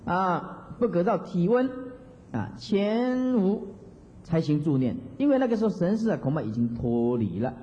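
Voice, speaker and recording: A man's voice: high voice, sing-song, normal speed, dark tone. A male Buddhist monastic teacher giving a dharma talk, chanting examples and chuckling often. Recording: dull lo-fi hall recording.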